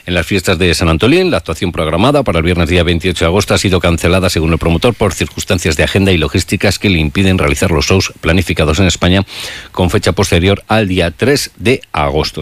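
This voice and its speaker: A man hosting a morning radio show, reading local news briskly and chatting with a co-host. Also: low-pitched, no room sound.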